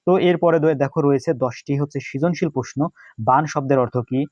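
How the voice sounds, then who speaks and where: Young guy going thru exam questions, kinda high voice, dry dull lo-fi mic. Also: fairly quick, a little mellow, no echo. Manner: reads questions then answers, repeats key answers. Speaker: exam prep tutor. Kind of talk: casual exam-prep lesson.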